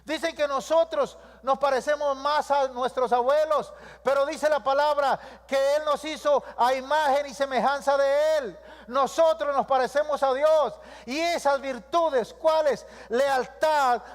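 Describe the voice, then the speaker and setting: Pastor guy preaching, really high voice, lots of repeat-after-me lines, big echoey church. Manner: call-and-response preaching with repeated lists. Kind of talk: sermon. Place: church hall. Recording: long reverb of a church hall.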